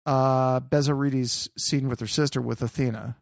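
Gravelly man ranting casually. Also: medium pitch, fairly even intonation, normal speed, dry recording, clean studio sound. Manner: swearing, rambling with restarts. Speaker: podcast co-host. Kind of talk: casual chat.

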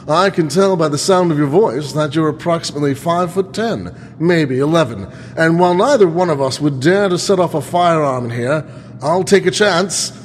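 A man playing a smug, pompous gentleman villain who taunts theatrically in an old-time radio mystery. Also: a little high, animated, normal speed, a little hiss or hum, close to an everyday voice. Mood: gloating. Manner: pompous, gloating. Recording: long reverb, faint music.

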